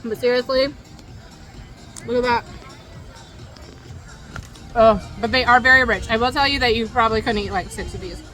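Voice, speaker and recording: Casual woman travel vlogger, higher register, food review chatter outdoors with faint music. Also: normal speed, long pauses, pushed and bright. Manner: chatty, talks while eating, laughs often. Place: outdoors at a cruise line's island stop.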